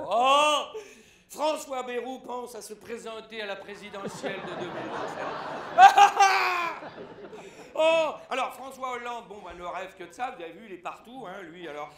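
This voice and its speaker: High-voiced man doing a satirical stage monologue. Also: reverberant. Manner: animated, breaks into shouted punchlines. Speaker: stand-up satirist. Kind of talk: satirical press review on stage. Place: theatre stage.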